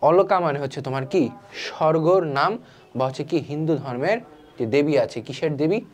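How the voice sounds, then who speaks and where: Fast-talking male teacher. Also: fairly high pitch. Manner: quick, lively explaining with many rhetorical questions. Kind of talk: online class lecture.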